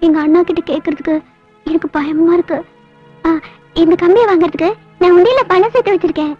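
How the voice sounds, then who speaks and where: A shy young woman in an old film, soft-spoken and hesitant. Her voice sits high. The soundtrack is dull and muffled, with faint music underneath. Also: a little fast. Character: shy gentle young woman, veena player. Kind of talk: film dialogue.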